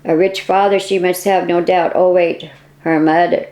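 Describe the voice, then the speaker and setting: A woman's voice: lowish voice, little pitch movement, normal speed, mellow, reverberant, natural voice, rough recording. A woman voicing a chatty, teasing male cab driver with a thick Indian accent in an audiobook.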